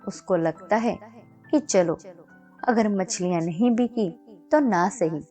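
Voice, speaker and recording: A woman storyteller giving scripted narration of a children's moral story in a steady, even-toned reading. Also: medium pitch, slow pace, faint music behind.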